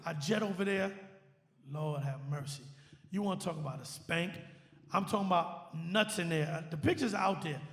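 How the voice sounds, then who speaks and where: A man tells an animated story in a high, gravelly voice. He acts out the quoted lines of dialogue. The studio sound is echoey, with a long reverb. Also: moderate pace. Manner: acts out quoted dialogue with big jumps in pitch. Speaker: DJ guest. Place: live-stream studio.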